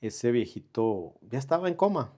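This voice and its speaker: A man's voice: mid-range voice, very animated, mellow. Earnest man telling a testimony. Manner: earnest, unhurried, with pauses and reenacted dialogue. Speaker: guest sharing a personal testimony. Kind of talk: conversational storytelling.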